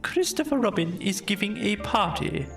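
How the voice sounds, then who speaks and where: Narrator acting Owl, fussy high-pitched bird. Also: animated, normal speed, vocal fry, music in the background. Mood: announcing. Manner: fussy, sulky, emphatic. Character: fussy, self-important, hooting storybook owl.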